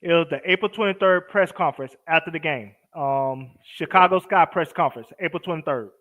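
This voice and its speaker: A man's voice: fairly high pitch, brisk, phone-quality sound. A man co-hosting a casual sports stream, easygoing and hesitant with fillers. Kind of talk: casual live-stream chat.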